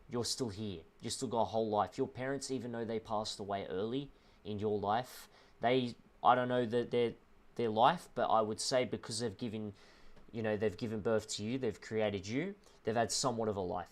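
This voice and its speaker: Young male streamer with a low voice, heartfelt and emotional, speaking haltingly to a viewer. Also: steady tone. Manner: earnest, halting, repeats "bro" and "man". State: emotional, close to tears. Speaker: livestreamer.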